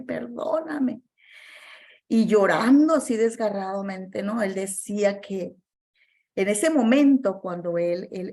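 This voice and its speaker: A woman's voice: lowish voice, darkish tone. A woman preaching a sermon and telling a testimony in an earnest, emphatic way, with many fillers and restarts.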